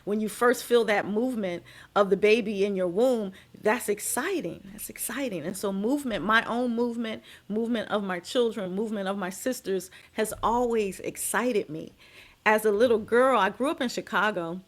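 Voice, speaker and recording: A middle-aged woman from the United States, speaking as a guest in a podcast interview. She tells her stories in an expressive way and leans hard on key words. Her voice sits at an ordinary middle pitch. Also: normal speed. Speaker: guest, dance and movement healer.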